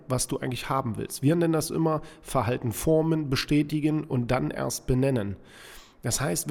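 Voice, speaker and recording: A man with a gravelly, creaky voice talks through a podcast monologue as a dog trainer. He lectures earnestly and speaks straight to the listener, and his words ring out with a long, hall-like reverb. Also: medium pitch, a little mellow.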